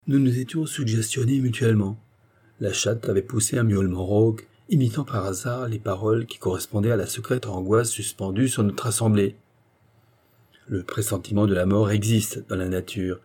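A male narrator reading a classic short story in a measured, steady way. His voice is low and mellow, with a husky grain.

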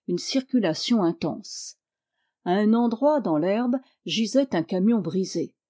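A woman reads an audiobook in scripted narration, measured and even-handed. Her tone is dark and mellow, at a mid pitch.

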